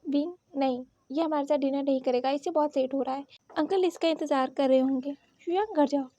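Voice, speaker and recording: A stern, possessive president who snaps out short commands, as a woman plays him. The voice stays very high with a warm, mellow tone. The sound is dry and close. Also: fairly quick, no room sound, close to an everyday voice. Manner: curt, commanding, scolding.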